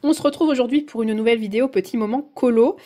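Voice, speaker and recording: A woman's voice: on the high side, fast, warm tone. A woman hosting a coloring vlog, chatting casually at home with many hesitant fillers, recorded on a phone. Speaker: coloring channel host.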